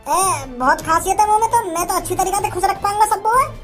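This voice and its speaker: [name], an actor doing a squeaky lovesick village lad. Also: animated, fast, over music. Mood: eager. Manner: repeats himself, stammers when nervous. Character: lovesick young village man, stubborn and blustering.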